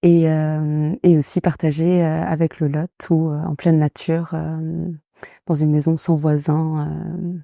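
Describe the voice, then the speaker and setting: A woman's voice: low voice, level tone, measured pace, vocal fry, dark tone, no echo, studio quality. A young woman from England who grew up in France, interviewed as director of an association, speaking hesitantly with many fillers. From England, raised in France. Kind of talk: casual interview.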